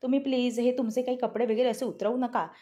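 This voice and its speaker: A woman's voice: fairly high pitch, steady tone, fast talker, warm tone, close to an everyday voice. A woman voicing a stubborn feisty heroine. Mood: defiant. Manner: defiant, insistent.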